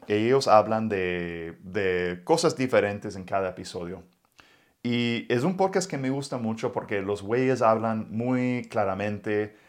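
A man from the United States, an English native speaker, hosting a podcast in Mexican Spanish and giving learning tips in a relaxed, casual way full of fillers and restarts. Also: on the low side. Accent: American English speaker of Mexican Spanish. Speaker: podcast host.

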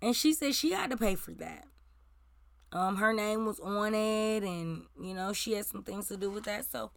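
A woman in her forties hosts casual celebrity gossip commentary, ranting in a blunt, profane style. Her slightly raspy voice is mid-range at a moderate pace, recorded without echo.

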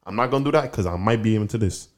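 A man in his twenties co-hosting a podcast, talking loosely and laughing often, rising high when he jokes. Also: racing. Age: 20s. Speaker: podcast co-host. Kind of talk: casual chat.

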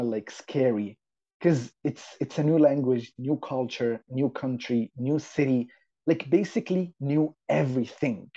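A podcast guest from Saudi Arabia, twenty-two and at university, relates his personal story in a relaxed, informal manner with an Arabic accent. His voice is mid-range and dark, and the lo-fi audio is slightly dull.

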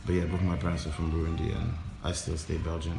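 Very deep, flat-voiced young man. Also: fast, vocal fry, roomy sound, over music. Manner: relaxed, many fillers. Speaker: DJ and interview guest. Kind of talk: casual interview chat.

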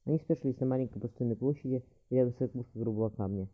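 A man reading a historical novel aloud at a steady, brisk clip. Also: medium pitch. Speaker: audiobook narrator. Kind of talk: audiobook reading. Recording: thin phone-like audio.

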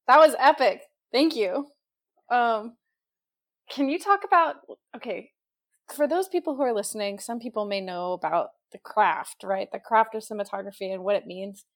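A woman's voice: fairly high pitch, moderate pace, no room sound, clean studio sound. A woman hosting a casual podcast, asking questions eagerly and restarting her sentences often. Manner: enthusiastic, asks questions, restarts. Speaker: podcast host.

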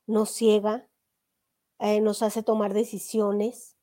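A woman's voice: medium pitch, completely flat delivery, slow, warm tone. A woman giving a motivational talk, speaking earnestly and asking listeners direct questions.

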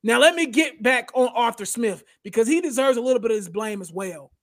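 A man's voice: extremely high pitch, lively intonation, brisk. Man, podcast host, casual sports rant, slangy, heated, blunt. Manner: slangy, says "bro" and "y'all".

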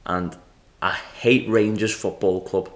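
A man's voice: lowish voice, steady tone, slow pace, a bit bright. Young male podcast co-host, crude storyteller, echoey room. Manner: crude, joking anecdote teller who mimics people. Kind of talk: casual chat, storytelling.

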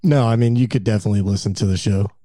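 A man's voice: on the low side, warm tone, no echo, clean studio sound. A man co-hosting a podcast, chatting casually with a wry, joking manner. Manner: wry, joking, quick interjections. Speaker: podcast co-host. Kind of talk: casual chat.

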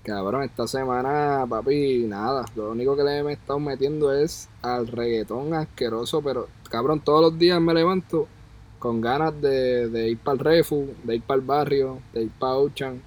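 A young Puerto Rican man co-hosts a casual podcast chat over a remote call mic, slangy and joking, stretching out his words in a Puerto Rican Spanish accent. His medium-pitched voice is a little mellow at a normal speed, and the recording is rough.

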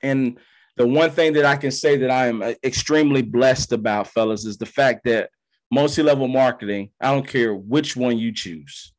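A man's voice: medium pitch, normal speed. A former pro ballplayer talks as a podcast guest, with a voice that sits in the middle of the male range. He tells his story in loose, slangy language and acts out the voices of the people in it. The talk stays easygoing. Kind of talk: casual storytelling.

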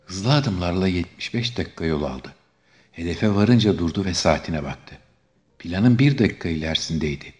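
A man narrating a scripted, dark thriller story in a steady, grave manner. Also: low-pitched.

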